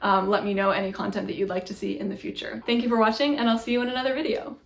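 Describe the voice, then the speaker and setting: A woman's voice: a little high, little pitch movement, rapid-fire, creaky, reverberant. A young woman explaining pronunciation in a chatty, self-deprecating way, often laughing at herself. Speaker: video creator teaching Greek pronunciation. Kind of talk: casual explainer video.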